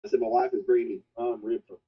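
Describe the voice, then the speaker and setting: A man's voice: medium pitch, steady tone, fast talker, breathy edge. A married man chatting casually on a call, joking wryly about his work and his meals. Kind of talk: casual chat. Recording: dull lo-fi voice chat audio.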